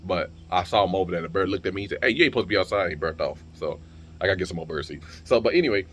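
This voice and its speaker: A man's voice: deep voice, very fast, slight background noise. A young man talking straight to camera in a casual vlog, blunt and heated, swearing freely and stumbling over repeated words. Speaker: vlogger and streamer.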